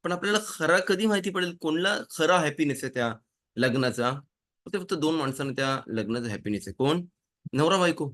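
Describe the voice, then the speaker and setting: A rabbi giving a casual Torah lesson, telling stories and acting out little dialogues in changing voices. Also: male voice, fairly high pitch, brisk. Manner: animated storytelling, acts out dialogues with changing voices. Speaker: rabbi teaching a Torah class.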